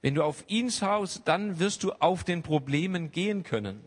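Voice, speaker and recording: A man delivers a sermon in a fairly high voice, with a long reverb trailing off the walls of a church hall. He shifts from quiet, close asides to loud, emphatic bursts. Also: moderate pace. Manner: swings between hushed asides and loud emphatic outbursts. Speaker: preacher.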